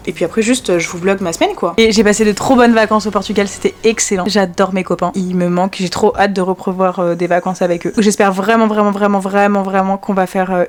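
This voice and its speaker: A young adult woman chatting in a casual, rambling way as a vlogger. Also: fairly low pitch. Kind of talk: casual vlog chat.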